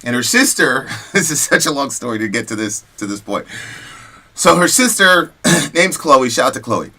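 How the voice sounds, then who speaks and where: Hosting a show, this man uses a mid-range voice at a moderate pace. His delivery is lively and conversational as he mixes slangy, casual commentary with personal anecdotes.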